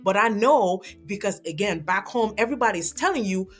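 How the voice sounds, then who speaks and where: A woman from Gambia, a guest in a casual interview, telling her story in a lively, laughing way. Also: mid-range voice, brisk, soft background music.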